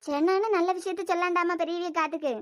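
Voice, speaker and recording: A woman's voice: very high voice, steady tone, fast. A woman voicing a blunt, prying aunt in a cartoon, nagging in a Kanyakumari Tamil accent. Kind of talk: cartoon voice acting.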